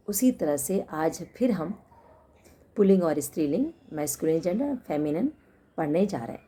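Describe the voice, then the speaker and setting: A woman teacher giving a lesson to children, explaining slowly, repeating words and mixing in simple English. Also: on the low side, mellow, a little hiss or hum.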